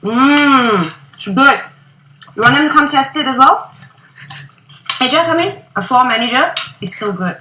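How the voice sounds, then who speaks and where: A woman's voice: high voice, lively intonation, measured pace, long pauses, bright, forceful tone, echoey room, a little hiss or hum, rough recording. A woman hosting a live TV cooking segment in a studio kitchen, chatty and bubbly, laughing often. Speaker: TV show host.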